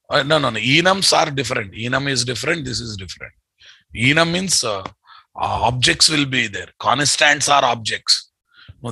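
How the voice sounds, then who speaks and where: Seated at a computer indoors, a middle-aged man with a Telugu accent runs a live online programming class, echoing phrases and nudging students with familiar questions. His medium-pitched voice is creaky, bright, husky, and forceful, and the recording is dry.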